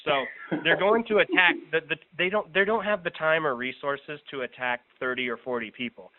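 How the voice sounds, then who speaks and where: Heard through a telephone with a tinny, recorded quality and a little hiss or hum, a man with a fairly high pitch talks briskly. He's an American political organizer casually and confidently walking someone through a plan.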